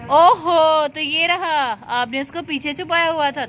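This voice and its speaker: A woman playing out a doll story, cheerful and full of exclamations. Her voice sits high and bright, and faint music plays behind her. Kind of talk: playful doll play storytelling.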